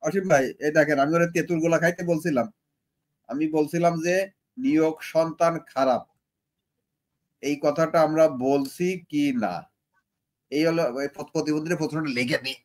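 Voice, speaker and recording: A man's voice: a little high, steady tone, normal speed, long pauses. A man hosting a heated live debate, repeating himself and taunting his opponent. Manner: repetitive, taunting, insulting. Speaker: live stream host.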